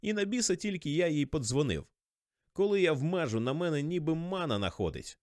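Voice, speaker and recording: Lively male audiobook narrator. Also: on the high side, a little fast, no room sound, clean studio sound. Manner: slangy, rambling, tipsy-sounding. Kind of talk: first-person literary narration.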